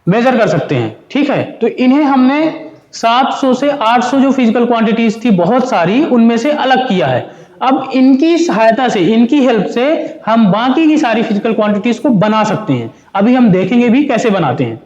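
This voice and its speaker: A man's voice: extremely high pitch, sing-song, moderate pace, darkish tone, reverberant, dull audio. A male physics teacher giving a classroom lecture, explaining step by step, asking and answering his own questions, mixing Hindi and English terms.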